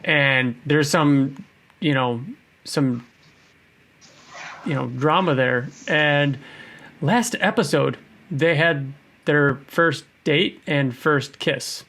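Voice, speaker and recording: A man's voice: a little high, drawn-out words, pauses often, fairly bright tone. A man co-hosting a podcast, chatting loosely about a TV episode with lots of fillers and restarts. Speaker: podcast co-host. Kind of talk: casual chat.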